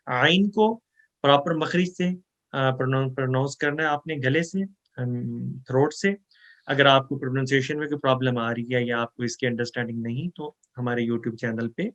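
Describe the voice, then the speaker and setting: A man teaching Quran memorization, explaining pronunciation rules and reciting verses in a slow, drawn-out chant. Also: medium pitch, a bit bright. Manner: explains Urdu rules mixed with English words. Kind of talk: online recitation lesson.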